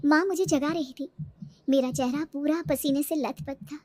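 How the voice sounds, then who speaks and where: A woman's voice: high-pitched, fairly even intonation, normal speed, warm tone, no echo. A woman narrating a first-person horror bedtime story in a tense, suspenseful way. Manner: tense, breathless suspense telling. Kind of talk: dramatic scripted horror narration.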